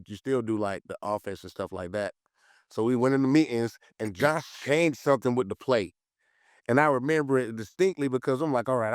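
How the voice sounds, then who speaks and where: A man from Florida, telling stories on a podcast in a lively way and acting out what teammates said. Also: mid-range voice, smooth, dry recording, studio quality. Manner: animated, acts out quotes of teammates, swears freely. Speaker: podcast guest, former football player. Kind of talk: casual storytelling.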